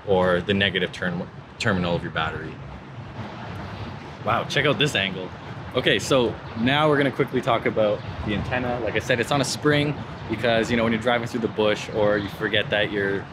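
Speaking in a mid-range voice over background noise, this Canadian vlogger walks viewers through a vehicle install in an easygoing, hands-on way. The clip moves between the inside of a vehicle and a spot outdoors beneath an overpass.

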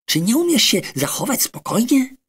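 A man's voice: very high voice, very animated, moderate pace, fairly bright tone, breathy edge, pitched above the performer's own voice, exaggerated voice. A man voicing an impatient, bossy dog who scolds a friend, in a children's audiobook. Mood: scolding. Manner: shushing, scolding.

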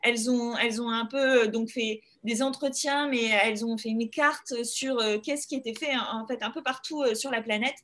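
A woman's voice: a little high, fairly even intonation, normal speed, hardly any pauses, fairly bright tone. A woman moderating an online panel discussion, speaking hesitantly with many fillers and restarts.

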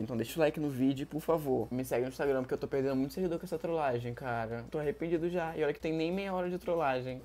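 A young man, chatting excitably through a prank vlog into a phone held close, often on the edge of laughing. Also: mid-range voice. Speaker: YouTuber. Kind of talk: casual prank vlog narration.

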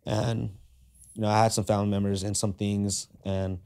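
Lively young man telling stories. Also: fairly low pitch, moderate pace, vocal fry, clean tone. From Southern California. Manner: animated, acts out quoted dialogue. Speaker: guest, skateboarder. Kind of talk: casual storytelling. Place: cluttered garage studio, indoors. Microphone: podcast mic on boom arm.

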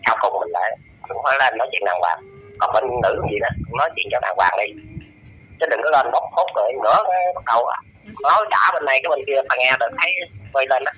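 A man in his eighties with a Southern Vietnamese accent, talking as an interview guest and lecturing in a scolding, preachy way, his pitch leaping up and down. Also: fast, sharp tone, slightly rough, low-quality recording. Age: 80s. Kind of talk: casual lecturing chat.

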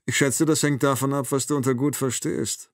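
A man's voice: mid-range voice, flat delivery, normal speed, no echo, clean studio sound, pitched above the performer's own voice, natural voice. A man reading an audiobook, voicing a cold, mocking male killer who taunts his captive with sarcasm.

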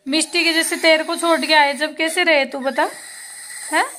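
A high-pitched woman talks quietly to the camera in a casual home vlog, murmuring as she goes about her day. The phone recording carries clear background noise. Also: steady tone, moderate pace. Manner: soft murmured narration to camera. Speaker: vlogger.

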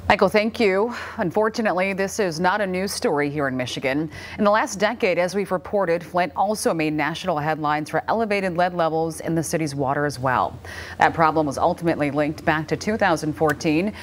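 A woman's voice: deep voice, fairly quick, a little hiss or hum. A woman news anchor reading in a TV studio with a polished, scripted delivery.

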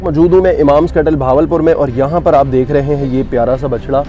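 A man's voice: a little high, fairly even intonation, quick pace, over music. A man giving casual walking vlog commentary while touring a cattle farm outdoors, chatty and joking with his viewers.

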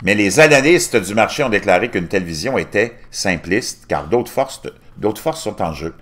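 A man's voice: fairly low pitch, expressive, normal speed, fairly bright tone. A middle-aged man hosting his own channel, reading news articles aloud from his screen and adding his own asides. He often stumbles and restarts words while reading, recorded on a desktop mic in a small room at home. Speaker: YouTube channel host.

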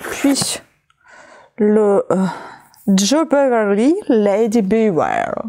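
A woman vlogger chatting casually as she shows and names the books she found, talking slowly with many fillers and pauses. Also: mid-range voice, expressive, mellow. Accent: French-speaking with a non-native accent. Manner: slow, hesitant listing with many fillers. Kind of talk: casual haul video chat.

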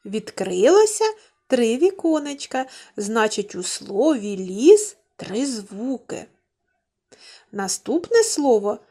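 Her fairly high-pitched voice carries a dark tone as this kindergarten teacher leads young children through a slow, carefully enunciated lesson. She draws out her words sing-song style and puts questions to the kids.

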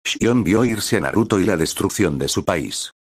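Deep-voiced guy reading fan fiction out loud, steady, dry close sound. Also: moderate pace, slightly rough, no room sound. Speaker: narrator.

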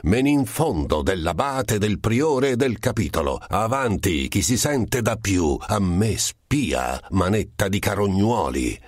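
A man voicing a choleric middle-aged monk who shouts and sputters insults, read as an audiobook character. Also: on the low side, sing-song, unhurried, no room sound, clean studio sound, voice pushed up. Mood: threatening.

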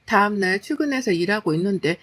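A woman's voice: medium pitch, expressive, fast talker. A woman narrating a personal story in a plain, confiding retelling.

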